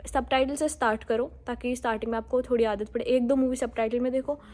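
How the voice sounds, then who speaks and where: A woman's voice: a little high, fairly even intonation, quick pace, a little mellow. A woman giving casual, friendly exam-prep advice straight to viewers, mixing English words into her talk. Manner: mixes Hindi with English words, friendly and direct.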